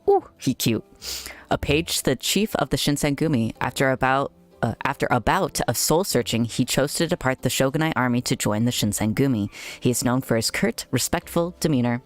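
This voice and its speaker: A young adult streamer giving casual, giggly commentary on a game and reading its text aloud. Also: medium pitch. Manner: giggly, chatty, reacting aloud.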